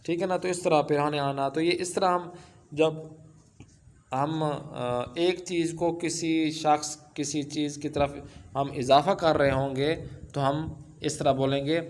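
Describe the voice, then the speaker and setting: A man teaching Persian in an online lesson. He reads Persian sentences aloud and then explains them slowly, with many filler sounds. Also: fairly high pitch, steady tone.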